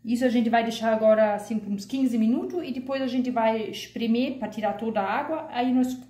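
A woman with a slightly high, brisk voice and a dark tone walks through a home recipe step by step from her kitchen, and the sound is reverberant. As a vegan cooking channel host, she keeps this casual tutorial chatty and homey, full of diminutives and fillers.

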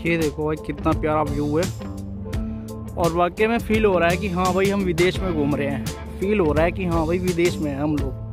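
A chatty man with a high-pitched voice vlogs as he walks around outdoors and keeps calling his viewers brother. He sounds a little tired from walking. Music plays clearly beneath his voice, recorded on a handheld camera. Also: brisk. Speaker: vlogger. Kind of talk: casual walking vlog. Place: outdoors on city streets. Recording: music playing over voice.

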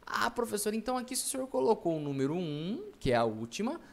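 A man's voice: high-pitched, very animated, fast talker, gravelly, voice pushed up, heavily acted. A man voicing a confused student who keeps asking the teacher doubtful, whiny questions. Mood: puzzled.

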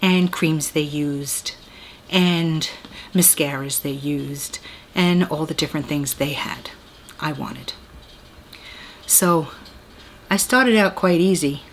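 Recorded indoors in a small room of her home, a beauty vlogger in her sixties chats casually and wanders through a beauty tag video with self-deprecating laughs. Her voice sits low, and she speaks slowly with frequent pauses over a slight hiss or hum.

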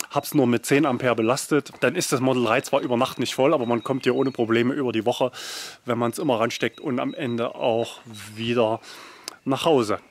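A man's voice: mid-range voice, slight background noise. A middle-aged man talking to a handheld camera outdoors in a casual travel vlog, matter-of-fact and explaining with many fillers. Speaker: travel vlogger. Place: outdoors, country lodge and foggy mountain. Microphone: action camera at arm's length.

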